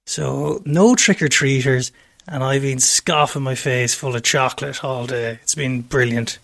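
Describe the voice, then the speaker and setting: A man's voice: mid-range voice, fairly even intonation, creaky, a bit bright. A man hosting a sports podcast in a jokey, rambling casual chat. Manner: jokey, rambling, quick intros. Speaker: podcast host.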